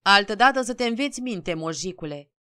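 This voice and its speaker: A woman's voice: medium pitch, lively intonation, clean tone, no room sound, clean studio sound, pitched above the performer's own voice. A woman voicing a surly, contemptuous male station chief who snaps at peasants. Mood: scornful. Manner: snapping, scornful, loud.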